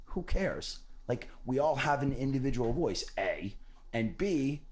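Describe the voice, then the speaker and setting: Here a male podcast host talks about self-love in a sing-song, mid-range voice, a little slow. The motivational talk is earnest and casual, returning to key phrases and dropping the odd swear word; listeners describe his sound as made for radio.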